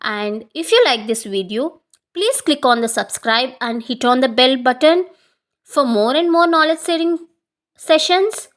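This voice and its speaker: A woman's voice: high-pitched, animated, measured pace. A woman with a South Indian accent giving earnest, emphatic advice straight to viewers in an instructional monologue. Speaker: career advice video creator.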